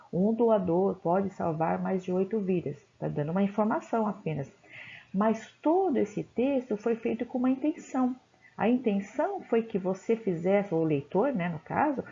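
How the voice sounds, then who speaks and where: A woman's voice: medium pitch, vocal fry, dark tone. A woman teacher, giving a classroom lecture and checking in often with her listeners. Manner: explanatory, checks in with "tá?" and "né?". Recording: dull, lo-fi recording.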